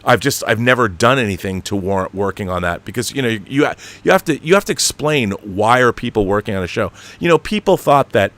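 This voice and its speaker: Low-ish, expressive, and a bit bright, this man speaks briskly with hardly any pauses. As host of a casual livestream, he delivers a rambling monologue and chat reading, emphatic and opinionated like an eager fan, dropping the odd casual swear.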